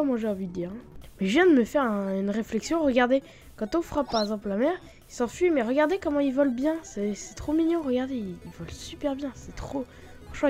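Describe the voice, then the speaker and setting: Excitable woman gamer narrating over music. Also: a little high. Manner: chatty and excitable, frequent exclamations and fillers. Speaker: gaming YouTuber. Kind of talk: Minecraft mod showcase commentary.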